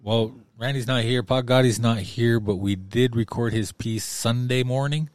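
A man hosting a podcast in casual discussion, thinking aloud in a halting, conversational way. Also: medium pitch, steady tone, dry recording. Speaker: podcast host running the playback.

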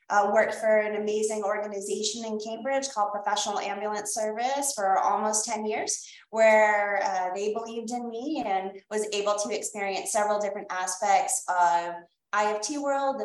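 A woman's voice: mid-range voice, roomy sound, rough recording. A middle-aged woman with a mild Boston accent, giving conversational answers as an interview guest. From Boston area, Massachusetts, USA. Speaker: interview guest, EMS professional.

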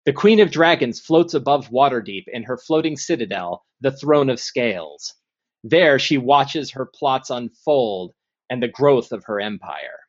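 A male game master narrates a tabletop fantasy game with dramatic phrasing. His voice sits at a medium pitch, and the recording is dull and lo-fi. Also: animated, unhurried.

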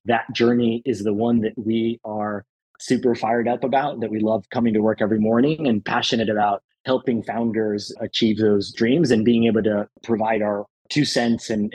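This Salvadoran private equity partner is a guest on an interview podcast, speaking earnestly and enthusiastically and leaning often on the word "really." His voice is lowish and a little mellow with a breathy edge, and the recording quality is low.

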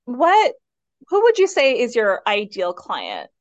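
Lively-pitched woman interviewer, fairly high voice. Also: slow, lo-fi sound. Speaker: podcast host, interviewer. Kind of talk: casual interview chat.

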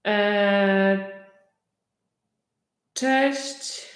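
Woman teacher, very slow, simple repeated questions, echoey room. For a language-class host. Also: mid-range voice. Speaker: Polish conversation teacher. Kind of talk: live online conversation class.

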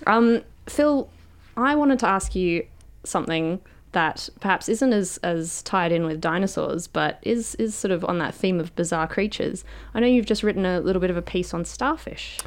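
A woman hosts a science show on the radio in a casual, chatty way. Her voice sits a little low for a woman. She sounds curious and inquisitive, talking live in a studio. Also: moderate pace.

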